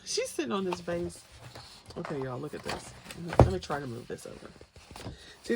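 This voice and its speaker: This colouring book flip-through host talks to viewers casually, without a script, wandering from thought to thought in a folksy, playful way as she shows the pages. Her voice is low and creaky with a darkish tone, over slight background noise.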